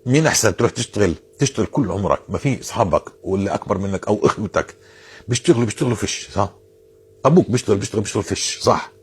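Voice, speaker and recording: A man speaking, delivering informal religious counsel in a quick, rushing flow. His voice sits fairly low and carries a husky, slightly rough edge. He talks earnestly and insistently, circling back over the same phrases for emphasis. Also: lively intonation. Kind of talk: informal religious advice talk.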